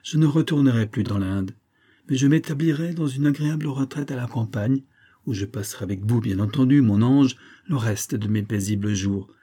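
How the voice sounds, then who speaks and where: A man's voice: mid-range voice, moderate pace, mellow, husky, close to an everyday voice. Man voicing a scheming, pompous army major. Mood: mock-tender. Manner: mock-affectionate, theatrical, pompous. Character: scheming, smooth-talking middle-aged army major.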